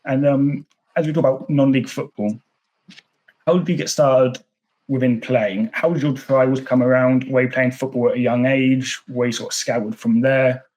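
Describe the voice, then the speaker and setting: Bloke hosting a footy podcast, chatty fan energy, stumbles and repeats himself, mid pitch. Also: male voice, flat delivery, normal speed, darkish tone, rough recording. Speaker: podcast host. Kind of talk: casual interview.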